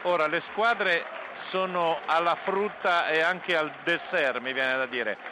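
A man's voice: a little high, takes it slowly, crowd noise. A man co-commentating on a live football match with conversational, unscripted analysis. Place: outdoor football stadium. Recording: noisy outdoor stadium broadcast.

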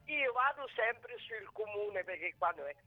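A woman's voice: mid-range voice, lively intonation, a little slow. A woman from Ancona with a local accent, calling in to a radio show and talking in an agitated, rambling way. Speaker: caller. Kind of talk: phone call to radio show. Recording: phone line.

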